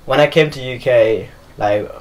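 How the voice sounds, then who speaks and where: Seated among leather sofas in a living room, a young dancer and choreographer from Nepal responds to interview questions in a rambling, filler-filled manner. He speaks at a moderate pace with a medium pitch, over poor audio.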